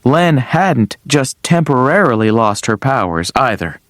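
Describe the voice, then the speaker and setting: A man narrating an audiobook in a calm storytelling way. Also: mid-range voice, measured pace, no echo, studio quality.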